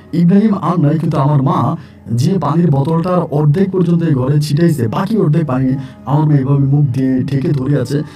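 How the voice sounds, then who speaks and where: A man recounts a supernatural tale in the first person, repeating lines for effect. His voice is pitched a bit high yet sounds very mellow and dark. He sits away from the mic while faint music plays beneath. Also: distant mic. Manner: repetitive, dramatic retelling, addresses listeners. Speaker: storyteller.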